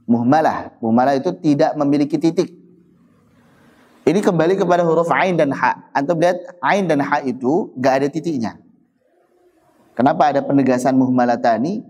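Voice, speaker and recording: A man teaching Quran recitation rules, asking himself questions and answering them, and stretching out the Arabic examples slowly. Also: mid-range voice, darkish tone. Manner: asks and answers his own questions. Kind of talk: tajwid lesson.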